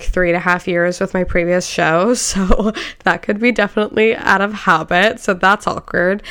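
A woman's voice: mid-range voice, a bit bright, clear, resonant tone. A young woman hosting her own podcast in casual, candid chat, sounding congested from a cold and often saying "like". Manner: chatty, candid, says like often. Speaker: podcast host.

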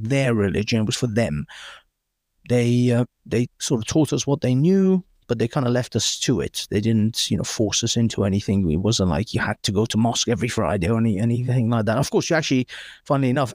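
A man's voice: medium pitch, lively intonation, brisk, darkish tone, no room sound, studio quality. A man, raised in Britain, answering interview questions in a thoughtful, hesitant way with frequent ums. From born in Iran, raised in Britain. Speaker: podcast guest.

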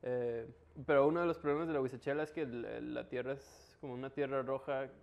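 A man's voice: medium pitch, fairly even intonation, brisk, vocal fry, darkish tone, dull audio. Mexican man chatting in casual slang. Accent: Mexican Spanish. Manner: colloquial, slangy, explanatory. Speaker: interview guest, local trail biker. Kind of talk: casual conversation.

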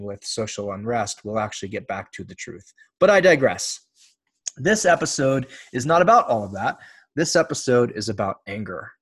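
A man's voice: on the low side, husky, dry recording. Blunt, casual man on a dry mic. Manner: casual, blunt, swears freely, storytelling. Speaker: podcast host. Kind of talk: solo podcast monologue.

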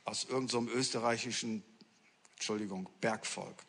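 Bright-voiced pastor preaching in an echoing hall. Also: male voice, on the low side, brisk, gravelly, a little hiss or hum. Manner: lively storytelling with acted-out quotes and humor; switches between hushed asides and sudden loud exclamations. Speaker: senior pastor. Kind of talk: sermon. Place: church hall. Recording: long reverb of a large hall.

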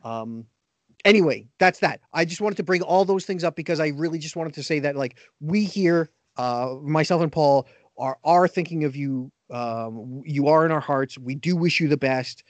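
A man co-hosting a casual podcast, talking haltingly with many ums and restarts. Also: fairly high pitch, dry recording. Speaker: podcast co-host.

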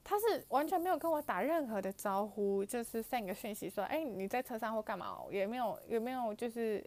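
A young woman with a Taiwanese Mandarin accent speaks fairly quickly and expressively in a fairly high, slightly mellow voice. Telling a personal story to camera for her vlog, she's animated and fills it with fillers and exclamations.

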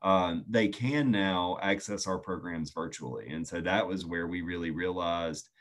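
A man speaks in an interview. He explains things earnestly and steadily. He often pauses on "um" as he thinks. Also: sits low. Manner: earnest, measured, frequent "um" fillers. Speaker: youth nonprofit staff guest. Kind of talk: conversational interview answers.

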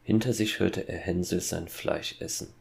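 A man giving measured, dark scripted narration of a horror fairy tale. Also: sits low, steady tone, creaky.

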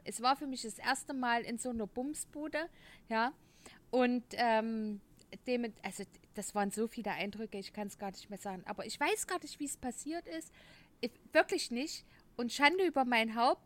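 A woman in her thirties co-hosting a podcast, chatting casually in blunt slang. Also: on the high side. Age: 30s. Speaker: podcast co-host.

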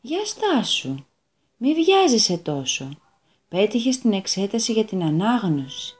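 A woman voicing a calm, serious holy boy who examines a pupil, speaking softly and slowly with quiet authority in a children's story. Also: mid-range voice, close to an everyday voice. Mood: kindly. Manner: soft, slow and calmly authoritative.

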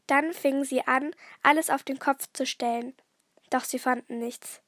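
A woman reading a children's detective story aloud in a lively, expressive way. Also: sits high, moderate pace, no echo, clean studio sound.

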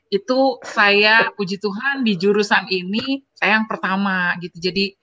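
A woman's voice: mid-range voice, unhurried, muffled recording, background noise. A woman in her forties, a university lecturer, telling personal stories in an interview. She speaks with emotion and keeps turning to address the host. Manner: emotional, animated storytelling that often turns to address the host. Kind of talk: personal storytelling in a conversational interview.

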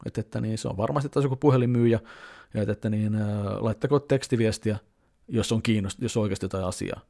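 A man in his thirties talking casually to camera, rambling with many fillers as he tells a story and quotes people in lively voices. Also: lowish voice. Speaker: vlogger.

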